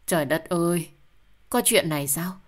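A woman's voice: on the low side, normal speed, close to an everyday voice. A woman voicing a joking male best friend who teases and exclaims in surprise. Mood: alarmed.

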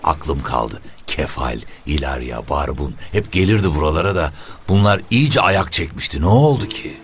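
A man's voice: very deep voice, animated, slight background noise. A man voicing a blunt, practical working fisherman. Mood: wistful. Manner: blunt, brisk orders.

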